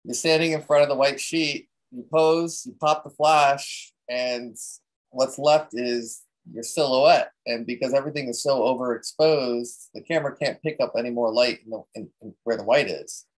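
A man of medium pitch talking casually through a photography technique. He rambles a bit and often restarts his sentences with "um" and "so," in an easygoing way. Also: normal speed, poor audio. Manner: relaxed, rambling, many fillers and restarts. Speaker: presenter at a photography talk.

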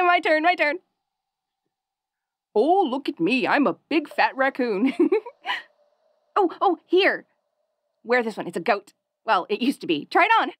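A woman voicing a perky, curious young wolf girl in an audio role-play, bubbly, giggly and rambling excitedly as she talks to the listener. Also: high-pitched, dry recording, studio quality. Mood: excited, playful.

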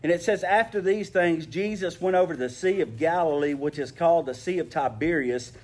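A man's voice: on the high side, a little fast, darkish tone. A man preaching a sermon, earnest and conversational, often repeating words as he restarts, then reading scripture and praying. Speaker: pastor. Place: church sanctuary.

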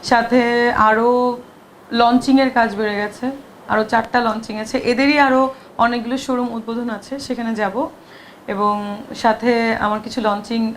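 A woman actress with a fairly high voice answers press questions between takes. Her throat is sore, but she talks on in a chatty, defensive way with quick asides. A faint noise of the shooting location sits behind her. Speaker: film actress.

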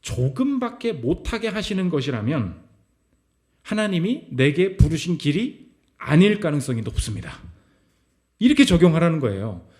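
A man's voice: on the high side, big pitch swings, moderate pace, darkish tone. A male pastor giving a sermon at a Friday prayer meeting in a church, talking conversationally and firing rhetorical questions at the congregation. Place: church service.

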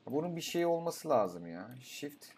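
A young man giving casual gameplay commentary, talking to himself, swearing and breaking into excited outbursts. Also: on the high side, unhurried, a little hiss or hum. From Turkey. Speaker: gaming YouTuber.

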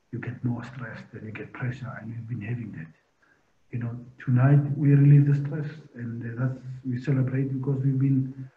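A middle-aged man, a football coach answering post-match press questions in an emphatic way, repeating words and asking rhetorical questions, over a video call. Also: mid-range voice. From South Africa. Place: press room in front of sponsor board. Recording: echoey, tinny video-call audio.

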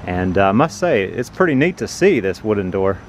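A man narrating a walking tour outdoors on a city sidewalk, explaining things slowly and plainly as he films with a handheld phone. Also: on the low side, big pitch swings, slight background noise. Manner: slow, plain, informative. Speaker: vlogger touring a building. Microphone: handheld phone camera.

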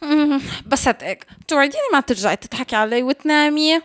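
A woman's voice: sits high, lively intonation, fast talker, fairly bright tone. A woman voicing a friendly, chirpy little female bird in a children's shadow puppet show. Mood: hesitant.

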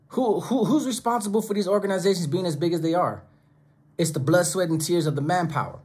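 A middle-aged YouTube host with a husky, slightly high voice speaks straight to the camera while seated at his desk, recorded close in a small home studio with monitors and speakers. His commentary is emphatic and preachy, with phrases frequently stacked into lists.

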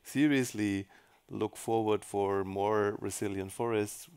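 Halting man rephrasing on a panel. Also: on the low side, fairly even intonation, a little mellow, clean tone. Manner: rephrasing, halting, searching for words. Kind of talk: panel discussion contribution. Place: conference hall stage, indoors.

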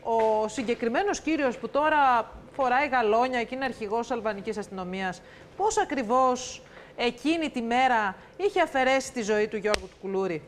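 A woman hosting a live television talk show, calming an upset guest and steering the conversation firmly. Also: on the high side, a little hiss or hum.

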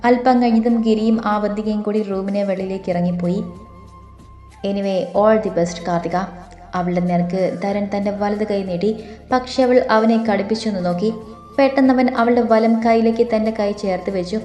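A woman reads a romance story aloud in a steady, even voice. Her tone is warm and mellow, with a roomy echo and soft music playing faintly underneath. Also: medium pitch, brisk. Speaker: narrator. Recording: echoey room with faint music.

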